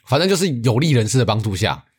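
A man's voice: medium pitch, very animated, quick pace, breathy edge. A man with a Taiwanese accent co-hosting a podcast in casual, teasing banter with a dry joking streak. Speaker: podcast co-host.

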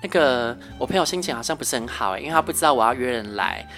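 Rapid, lively Taiwanese-accented man. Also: medium pitch, soft background music. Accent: Taiwanese Mandarin. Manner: animated, dramatic storyteller, often laughing. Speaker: podcast co-host. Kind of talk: casual storytelling chat.

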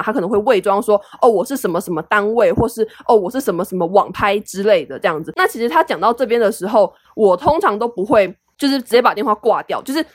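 A woman's voice: a little high, dry recording, clean studio sound. A young woman with a Taiwanese Mandarin accent hosting a casual solo podcast, chatty and blunt, with slangy swearing. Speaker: podcast host.

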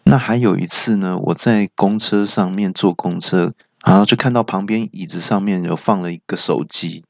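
A young man with a Taiwanese Mandarin accent, hosting a solo comedy show and telling self-mocking stories in an animated way. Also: normal speed, gravelly, no room sound. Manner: animated, self-mocking, jumps into high voices. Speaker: talk show host. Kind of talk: solo stand-up storytelling.

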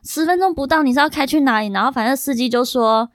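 Young Taiwanese woman guest, high and quick, dry close sound, rambling anecdotes. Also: no room sound. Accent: Taiwanese Mandarin. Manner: animated, rambling with many fillers. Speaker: podcast guest. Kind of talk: casual chat, storytelling.

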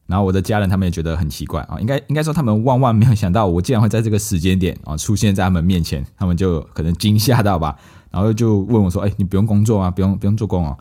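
Speaking fast in a low voice, this podcast host from Malaysia casually relates a lively story. Along the way he performs his family's quoted lines himself.

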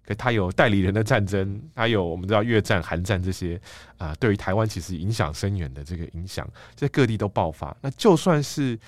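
Man, middle-aged, Taiwanese Mandarin accent, low voice, dry close sound, measured explanatory guest, many "ah" fillers. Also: expressive, no echo. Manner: measured, thoughtful, frequent "ah" fillers. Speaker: guest, book editor-in-chief. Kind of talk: explanatory interview talk.

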